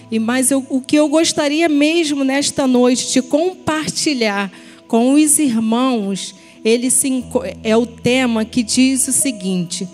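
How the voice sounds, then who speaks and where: A woman in her thirties preaching a sermon from a church pulpit into a handheld mic, earnest and deliberate, addressing the listeners as brothers and sisters. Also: on the high side, a little mellow. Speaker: ministry team member preaching. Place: church stage at a pulpit, indoors.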